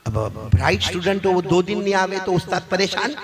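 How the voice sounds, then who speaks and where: High-voiced man preaching to a crowd. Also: brisk. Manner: swings from low storytelling to high shouted exhortation; calls on the audience to respond. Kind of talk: Islamic sermon to a live crowd. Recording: crowd audible behind.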